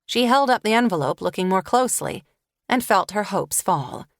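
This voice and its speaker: A woman reading a novel aloud as an audiobook narrator, with expressive storytelling. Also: medium pitch, normal speed, gravelly, no echo, studio quality. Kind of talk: scripted narration.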